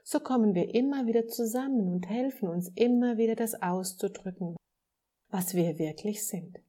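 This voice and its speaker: A woman's voice: mid-range voice, normal speed, dark tone, natural voice. A woman voicing a kind, devoted soul. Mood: tender. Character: kind, devoted soul who offers help.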